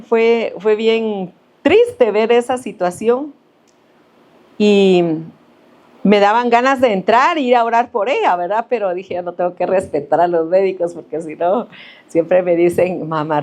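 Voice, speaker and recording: A middle-aged woman from Central America giving a sermon that mixes a personal hospital story with scripture, telling it with animated, rising emphasis. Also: on the high side. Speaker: preacher.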